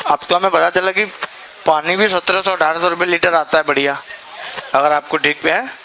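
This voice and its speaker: A man's voice: fairly high pitch, steady tone, moderate pace, sharp tone, a little hiss or hum. A young man, a maths teacher, telling his class a chatty story that gets heated, with laughter. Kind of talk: casual anecdote told to a class.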